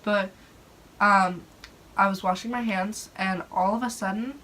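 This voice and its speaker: A young adult woman with a mid-range, a bit bright voice tells casual stories about her own life, a little slowly and in a steady tone. She is chatty and rambling and says "like" constantly. The audio is poor, picked up by a phone propped on a dresser, with clear background noise.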